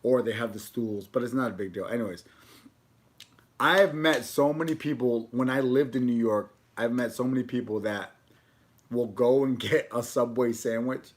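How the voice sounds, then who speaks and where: A man's voice: medium pitch, moderate pace. A man chatting informally on a food livestream, rambling along with casual slang. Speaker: food video creator.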